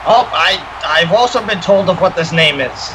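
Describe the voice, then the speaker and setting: A man's voice: high voice, animated, normal speed, background noise. A man giving live wrestling commentary, reacting to the moves and analysing them conversationally.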